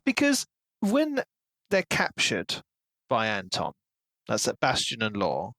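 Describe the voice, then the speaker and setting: Acting out mock conversations to drive home his points, a book-reviewing podcast co-host talks casually and with lots of animation. He has a lowish voice and speaks slowly, with no echo.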